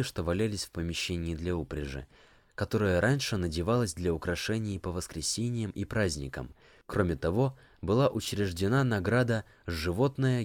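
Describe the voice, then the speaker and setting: A man reading an audiobook, narrating a story in a measured, storytelling manner. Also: sits low, a little mellow, dry recording. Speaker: audiobook reader.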